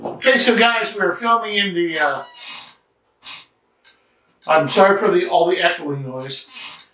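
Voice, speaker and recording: A man giving a casual, halting review with many fillers, recorded indoors in a study with a strong room echo. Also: high voice, pushed and bright. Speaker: cigar and drink reviewer. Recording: echoey room, mic at a distance.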